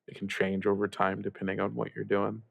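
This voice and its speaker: A male student radio show host performs in an improvised, conversational actual-play audio drama, voicing a reassuring older male radio mentor who is upbeat yet evasive about troubles. He halts, rambles, and stammers while gently advising, in a mood of halting reassurance. His lowish voice is completely flat with vocal fry, and the sound is dry with no echo.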